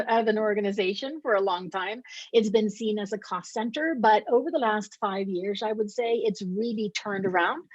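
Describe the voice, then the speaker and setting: A woman's voice: medium pitch, husky, dry recording. Middle-aged woman from Sweden, interview guest, emphatic explainer, dry close sound, slightly dull lo-fi audio. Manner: explanatory, emphatic, with repeated rhetorical "right?". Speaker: interview guest, company co-founder. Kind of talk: conversational interview.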